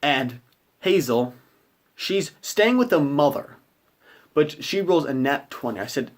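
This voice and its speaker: A man's voice: on the high side, animated, a little slow. A man, a game master, retelling a tabletop game session in a rambling way, full of fillers. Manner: rambling, many fillers like "you know".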